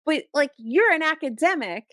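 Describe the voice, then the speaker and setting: A woman co-hosting a podcast in casual chat, ranting in an animated, exasperated way with many restarts, close to her microphone. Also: high voice, normal speed, dry recording. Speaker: podcast co-host. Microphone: close podcast mic.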